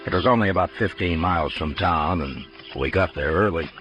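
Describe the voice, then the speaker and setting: Very deep-voiced Marshal Matt Dillon played by an actor. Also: male voice, music in the background, natural voice. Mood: reflective narration. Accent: American. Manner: terse, measured, authoritative. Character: steady, world-weary Old West US marshal. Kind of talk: 1950s radio western acting and narration. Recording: noisy old 1950s radio recording.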